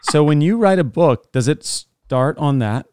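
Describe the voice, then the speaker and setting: A man's voice: on the high side, animated, measured pace, a little mellow, clean tone, no room sound, clean studio sound. A man co-hosting a podcast interview, upbeat and encouraging, laughing easily. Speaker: podcast co-host. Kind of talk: casual interview chat.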